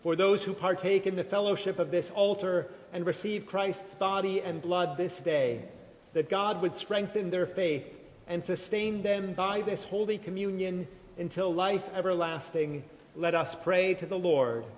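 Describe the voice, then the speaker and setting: A man leading formal church liturgy as pastor, solemn and measured, his voice ringing with cathedral-like echo in a large church. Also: high voice, fairly even intonation. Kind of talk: formal liturgical prayer recitation. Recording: long church reverb, cathedral-like echo, faint noise.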